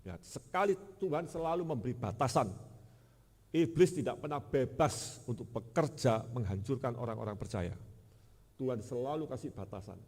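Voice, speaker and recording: A man preaching a sermon, swinging between loud and soft and asking the congregation rhetorical questions. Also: medium pitch, expressive, normal speed, in a large hall.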